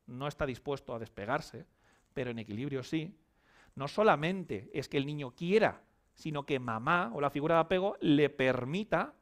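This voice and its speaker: Male speaker, fairly high voice, emphatic lecture style, poses questions and answers them himself. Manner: emphatic, asks and answers his own questions. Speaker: psychologist giving a conference talk. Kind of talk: conference lecture. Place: conference hall.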